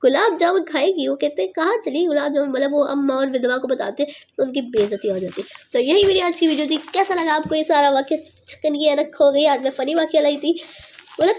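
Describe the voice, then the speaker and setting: Young woman, high voice, reads a funny story line by line and keeps re-explaining it, lots of fillers. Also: darkish tone, slight background noise. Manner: stops often to rephrase each line in simple words, with many fillers.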